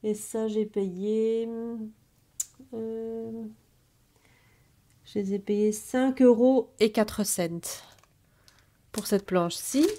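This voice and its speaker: A woman showing off her scrapbooking purchases in a casual haul video, talking slowly and hesitantly with many fillers. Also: on the high side, steady tone, dark tone.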